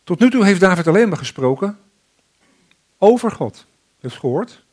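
A man preaching a sermon and reading psalms aloud with slow, deliberate emphasis. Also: high voice, very animated, darkish tone.

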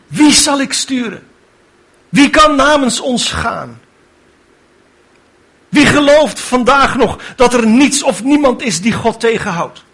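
A man's voice: very high voice, fairly bright tone, husky. A man preaching a sermon with fervent delivery, building to emphatic rhetorical questions.

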